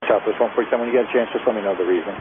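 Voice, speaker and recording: A man's voice: on the low side, very fast. A man working as an air traffic controller, giving terse, procedural instructions over aviation radio. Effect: aviation radio transmission. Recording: tinny radio link, clear static noise.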